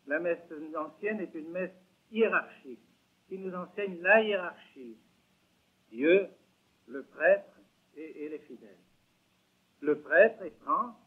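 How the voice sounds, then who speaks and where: An older man with a high, breathy-edged voice drives home an emphatic religious lecture, repeating words and posing rhetorical questions. The sound is tinny and lo-fi, typical of a 1970s lecture recording.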